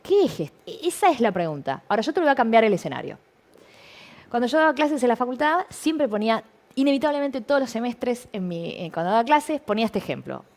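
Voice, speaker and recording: A woman with a Rioplatense Spanish accent talks as a guest in a TV studio interview. Her pitch swings widely as she tells stories and throws rhetorical questions at the host. The delivery is animated. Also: brisk.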